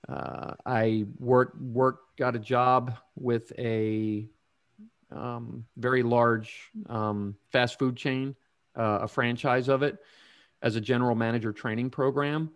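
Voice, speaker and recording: A middle-aged man telling his own story in a casual interview, slow and reflective with many ums and restarts. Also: medium pitch, dry recording, clean studio sound. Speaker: guest sharing recovery story.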